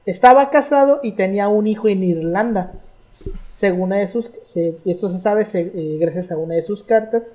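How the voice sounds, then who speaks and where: A young woman with a Mexican accent co-hosts a casual history podcast, using slang and telling stories as she works through her notes. Her mid-range voice has a dark tone and a normal pace.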